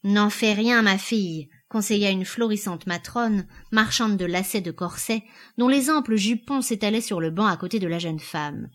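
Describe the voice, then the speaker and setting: Woman audiobook narrator, measured, mid pitch.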